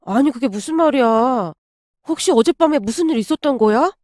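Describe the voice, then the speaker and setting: Woman doing a young male office worker, rash, frantic, high voice, storybook. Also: expressive, brisk, dry recording, studio quality. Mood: panicked disbelief. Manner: loud, shouting when drunk, frantic disbelief.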